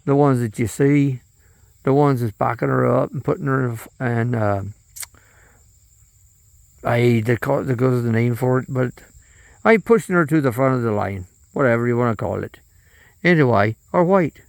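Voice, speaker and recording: A man's voice: medium pitch, normal speed, vocal fry, long pauses, no room sound. A man delivering a rambling, profane political monologue, often trailing off and restarting.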